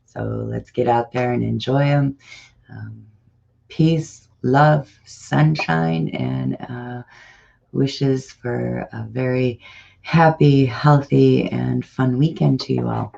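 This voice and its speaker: A local show host with an American accent and a heavily creaky smoker's rasp chats through community announcements. The delivery is informal, rambling and encouraging, at a middling pitch. The recording is dull and muffled. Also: fairly even intonation, slow pace, dark tone. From Ohio, United States. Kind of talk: casual community announcements monologue.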